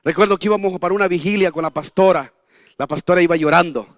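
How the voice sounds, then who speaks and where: A man's voice: sits high, fast, no room sound, clean studio sound. A man in his fifties preaching a sermon as pastor, telling folksy personal stories with jokes and rhetorical questions. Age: 50s.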